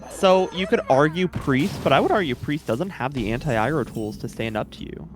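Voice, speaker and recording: A man co-casting a live card-game tournament, talking through plays in a measured, analytical way. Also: on the high side, lively intonation. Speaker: co-caster. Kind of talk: live esports commentary. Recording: game music in the background.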